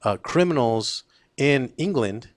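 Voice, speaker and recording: A man's voice: medium pitch, animated, slow pace, no room sound, clean studio sound. A man hosting a casual radio talk show, chatty and joking with his guests. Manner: joking, chatty, laughs easily. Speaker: radio host.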